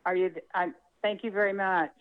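A woman's voice: medium pitch, steady tone, brisk. Woman caller on a distant speakerphone. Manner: hesitant, restarts often. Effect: on speakerphone held away, echoey. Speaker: radio call-in caller. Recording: tinny phone line.

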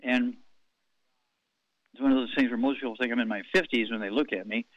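A man's voice: medium pitch, steady tone, no echo. An older man in his eighties talks through a radio monologue, drifting from point to point and padding it with fillers. The sound is dry and close. It also has a muffled, lo-fi broadcast tone. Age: 80s. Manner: rambling, slow, reads out figures with many fillers.

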